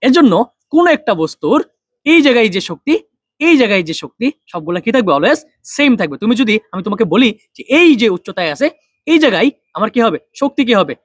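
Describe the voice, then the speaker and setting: Fast-talking young male physics tutor. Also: high-pitched, big pitch swings, no echo, clean studio sound. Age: young adult. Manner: quick, drills students with repeated questions and answers. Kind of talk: online physics lesson.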